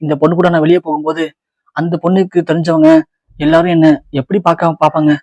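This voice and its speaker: A man's voice: on the high side, level tone, fast, darkish tone, no room sound, lo-fi sound, lightly acted. A man voicing an angry, humiliated young husband, bitter and accusing.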